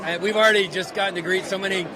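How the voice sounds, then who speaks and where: A man's voice: high voice, steady tone, very fast, poor audio. A man speaking casually in a live interview as an event organizer. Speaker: festival organizer being interviewed. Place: busy red carpet event. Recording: crowd noise behind. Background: crowd.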